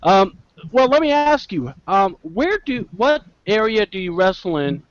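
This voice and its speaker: A man from the American South hosts a casual podcast, excitable and quick to joke, with loud bursts. His voice sits high. The audio is dry and dull, like a lo-fi recording. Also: no room sound. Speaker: podcast host.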